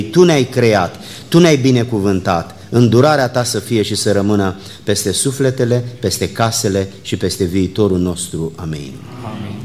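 A man serving as a visiting pastor, reading scripture, praying and greeting the congregation in a church at a microphone, in a measured, solemn way. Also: fairly low pitch, a little mellow. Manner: measured, solemn reading that slows into fervent prayer. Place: church sanctuary.

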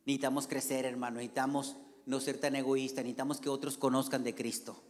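A man's voice: mid-range voice, flat delivery, fast talker. A man preaching a fervent sermon as a pastor, calling his congregation "brothers" after nearly every phrase. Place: church. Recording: long reverb of a church hall.

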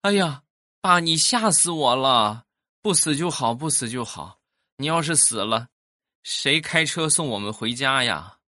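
A man's voice: mid-range voice, animated, unhurried, sharp tone, no room sound, studio quality, voice pushed up. A man voicing his young daughter in a comic story, whiny and chirpy. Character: young girl, the narrator's cheeky daughter.

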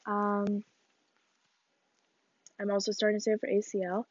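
A woman's voice: mid-range voice, completely flat delivery, unhurried, a little mellow, no echo, muffled recording. A teenage woman hosting a casual solo podcast, chatty and rambling, sniffling and laughing as she talks. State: sniffly, coughing. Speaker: podcast host. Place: small bedroom.

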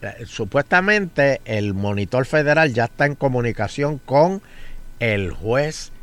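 A man's voice: medium pitch, lively intonation, unhurried, fairly bright tone, smooth. A Puerto Rican man hosting casual talk radio, rambling along and often stammering and repeating words as he goes. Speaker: radio talk show host.

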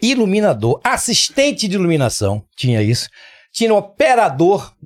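A man's voice: high-pitched, moderate pace. An older man with a Pará accent, a former TV news presenter telling stories as a podcast guest, swearing freely. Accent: Pará Portuguese. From Pará, Brazil. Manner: lively storyteller, swears freely. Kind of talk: casual podcast chat.

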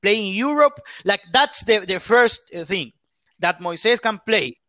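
A man from Ecuador, a football pundit in an interview, halting as he searches for English words. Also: high-pitched, animated, bright, forceful tone, dry recording.

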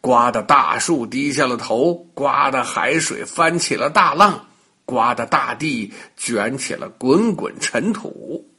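An older man narrating a bedtime story for children in a lively, playful way, talking to the kids directly. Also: fairly high pitch, husky.

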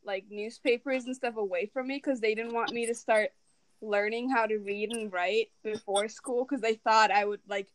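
A woman's voice: on the high side, steady tone, moderate pace, poor audio. A young woman from Turkey, a native Turkish speaker, chatting casually as a podcast co-host, full of "like" and easy laughter. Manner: chatty, many fillers, laughs easily. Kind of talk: casual chat.

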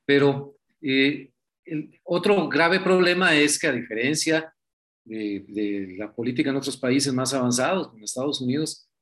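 A man's voice: mid-range voice, fairly bright tone. A man from Mexico giving casual political commentary, conversational and full of rhetorical questions.

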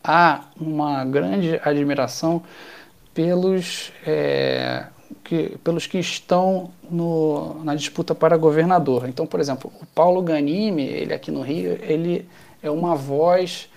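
Answering questions in an interview, a Carioca-accented candidate from Rio de Janeiro hesitates a lot, full of fillers and restarts. He speaks at a measured pace in a slightly high, animated voice that is creaky and a little mellow.

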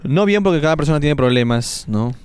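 A man's voice: a little high, lively intonation, brisk, clear, resonant tone. A young man with a Peruvian accent, a podcast guest chatting casually and thinking aloud with hesitant fillers. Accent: Peruvian Spanish. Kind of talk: casual chat.

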